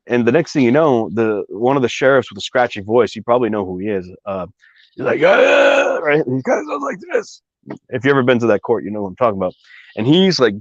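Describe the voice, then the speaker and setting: A man's voice: medium pitch, dry recording. A man casually telling a long personal story, rambling with many fillers and asides. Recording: dry, slightly dull recording.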